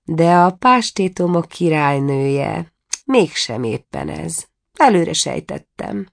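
A woman voicing a smug, amused gentleman guest in a storybook reading. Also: low voice, sing-song, gravelly, heavily acted. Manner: amused, condescending.

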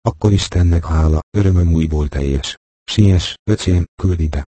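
A man reading an audiobook voices a fervent, impulsive soldier who pleads loudly to be recognized. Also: low-pitched, no room sound. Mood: eager, pleading. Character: impulsive returning soldier, adult man, emotional.

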